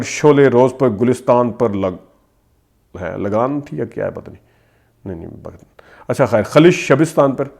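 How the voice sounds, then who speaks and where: A man hosts a film-history commentary. He reels off movie titles at a quick clip, stressing the names and dropping short asides between them. His voice sits at an average pitch for a man. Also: a little mellow. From Pakistan. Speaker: host.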